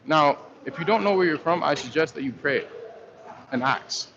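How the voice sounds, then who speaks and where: Hosting a casual livestream, a man answers viewer comments in a rambling, slangy manner, stumbling through fillers and restarts. His voice is slightly high and a touch bright, with lively intonation at a normal speed. The stream audio is dull and lo-fi, carrying faint noise.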